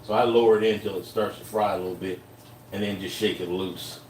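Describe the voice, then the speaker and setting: A man's voice: sits low, steady tone, a little fast, darkish tone, echoey room, distant mic, slight background noise, low-quality recording. A man livestreaming himself cooking outdoors, talking in a folksy, casual way and tasting the food as he goes.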